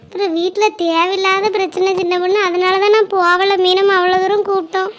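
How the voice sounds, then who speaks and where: A woman plays a fretful middle-aged village woman in a cartoon drama. Her voice is extremely high and childlike, and she speaks. She keeps turning her worries over as she talks. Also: little pitch movement, a little fast, a bit bright. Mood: worried.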